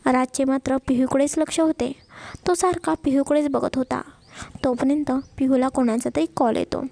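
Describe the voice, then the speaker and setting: High, creaky woman storyteller. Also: fairly even intonation, normal speed, warm tone, dry recording. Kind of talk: romance story narration.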